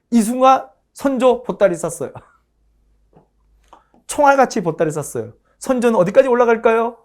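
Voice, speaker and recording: A woman's voice: on the high side, lively intonation, moderate pace, pauses often, a little mellow. A woman giving an exam-prep history lecture, asking her class questions and answering them herself, repeating points for emphasis.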